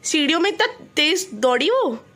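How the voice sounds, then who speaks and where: A woman's voice: high voice, very animated, moderate pace, fairly bright tone. A young woman vlogging in casual chat, teasing and laughing often, switching between Hindi and English.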